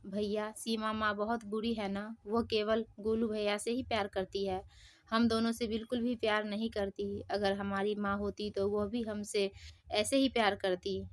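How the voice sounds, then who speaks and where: A woman voicing a gentle young girl in a storybook tale, pleading softly. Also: medium pitch, little pitch movement, moderate pace, close to an everyday voice. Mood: sad. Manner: pleading, soft.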